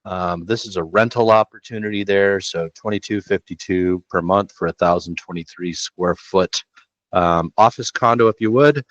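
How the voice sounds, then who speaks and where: Speaking at normal speed in a low voice, a laid-back, slangy real estate show host offers casual commentary on listings through a headset. He's at a desk in a small room, and the home recording comes across dull and dry.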